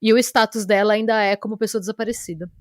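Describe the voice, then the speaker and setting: A woman's voice: mid-range voice, fast talker, no room sound, clean studio sound. A Brazilian woman co-hosting a true-crime podcast in casual, chatty talk, trailing off now and then. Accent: Brazilian Portuguese. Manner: chatty, lively, trailing off with "sei lá". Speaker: podcast co-host, storyteller.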